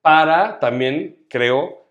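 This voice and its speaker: A man's voice: on the high side, extremely slow, reverberant, narrow, tinny audio. A Mexican man co-hosting a podcast, chatting casually in a playful, upbeat way. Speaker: podcast co-host. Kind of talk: casual chat.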